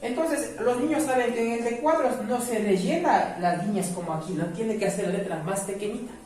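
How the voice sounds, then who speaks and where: A woman's voice: fairly high pitch, a little fast, mellow. A woman teacher with an Ecuadorian Spanish accent explaining handwriting rules patiently, often asking "right?". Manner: patient, repeats tag questions. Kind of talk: classroom instruction to parents. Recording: echoey room, far from the mic.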